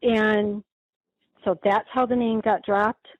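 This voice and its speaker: A middle-aged woman tells a story, acting out each back-and-forth and stumbling over restarts as she goes. Her voice comes through a thin, phone-like channel with a dry, close sound and a faintly husky edge. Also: medium pitch, slow pace, no echo. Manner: lively retelling with many quoted exchanges and restarts. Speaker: guest telling of a scam call. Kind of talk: conversational storytelling. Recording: tinny phone-like line, dry.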